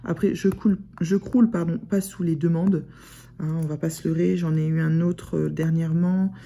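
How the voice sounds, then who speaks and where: A woman with a northern French Picard (Ch'ti) accent chats casually to camera for her sewing vlog, rambling and peppering her speech with fillers and restarts. Her low, mellow voice keeps fairly even intonation at a normal speed.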